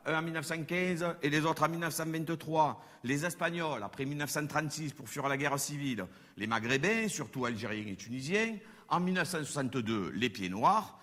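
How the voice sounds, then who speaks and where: A man's voice: on the high side, pushed and bright. A man doing stand-up, chatty and mock-serious on a live stage. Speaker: stand-up comedian. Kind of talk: stand-up comedy. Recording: live hall reverb, faint audience.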